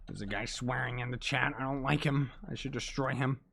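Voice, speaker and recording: Hoarse and losing his voice from illness, a young game streamer chats casually with viewers as he plays. His mid-range voice moves a little fast, and his manner is excitable yet laid-back.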